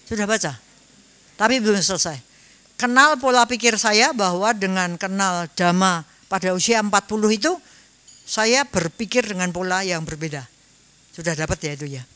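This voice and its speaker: A woman's voice: mid-range voice, sharp tone. A woman, giving a Buddhist Dhamma talk in a chatty storytelling way. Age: 70s. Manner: chatty storytelling, mixing in Javanese words. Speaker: Dhamma speaker.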